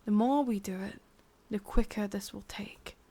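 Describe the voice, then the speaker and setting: A woman with an English accent, medium in pitch and lightly acted, portrays a possessive, sadistic witch in a soft, breathy ASMR roleplay. Her slow, coaxing delivery carries a cold, possessive mood.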